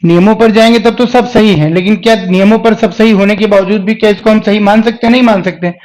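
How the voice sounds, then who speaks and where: High-voiced man teaching Hindi grammar. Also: fairly even intonation, a little mellow. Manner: asks rhetorical questions and answers them himself; repeats words slowly to show pronunciation. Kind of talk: classroom lecture.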